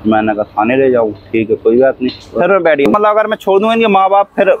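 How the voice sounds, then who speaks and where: On the high side and steady in tone, this man talks fast while recounting a long story as a cab driver in a casual interview. He rambles, repeats phrases, imitates quoted speech, and coughs often. The recording is rough.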